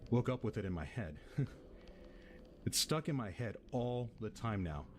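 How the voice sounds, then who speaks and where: A man's voice: on the low side, lively intonation, measured pace, a little mellow, a little hiss or hum. A man with an American accent playing a laid-back, foul-mouthed tenant who rambles through an eerie story in casual audio-drama style. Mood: uneasy.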